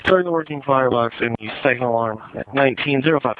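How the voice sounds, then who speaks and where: A man's voice: medium pitch, fast. A man dispatching fire units by radio, repeating reports back in a clipped, procedural manner. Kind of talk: radio dispatch read-backs. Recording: muffled, noisy radio channel with clicks.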